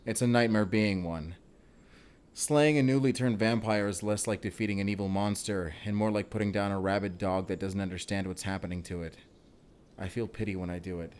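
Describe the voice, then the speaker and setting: Playing a Spanish vampire slayer in a romantic audio drama, this man talks to his lover up close and earnestly, a tormented yet tender hero. His fairly low voice carries a Spanish accent and is clear, resonant, a little mellow and close to everyday speech. He's brisk, with fairly even intonation, and the mood is grave and earnest.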